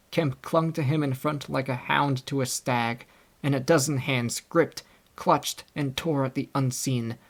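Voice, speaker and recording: A young man reading a classic novel aloud in scripted audiobook narration, with a steady storytelling delivery. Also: mid-range voice. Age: young adult. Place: home recording setup.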